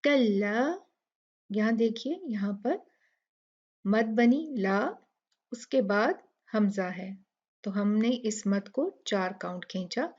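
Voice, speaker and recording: Patient woman teaching recitation, slow. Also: mid-range voice, animated, a little mellow, husky, dull audio. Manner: patient, explains slowly and demonstrates each recited word. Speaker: tajweed teacher. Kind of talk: step-by-step recitation lesson.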